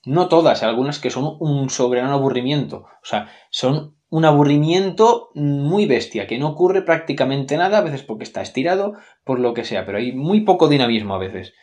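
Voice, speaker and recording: A man with a Spain Spanish accent gives casual, opinionated film commentary, sarcastic and expressive, swearing freely and swinging his pitch up and down. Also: moderate pace, hardly any pauses. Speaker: film reviewer.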